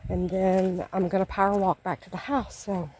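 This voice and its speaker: A woman's voice: mid-range voice, little pitch movement, normal speed, warm tone, a little hiss or hum, low-quality recording. A woman chatting to viewers while walking by a lake, a little out of breath. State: slightly out of breath. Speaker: vlogger. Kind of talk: casual vlog narration. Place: outdoors by a lake, woods.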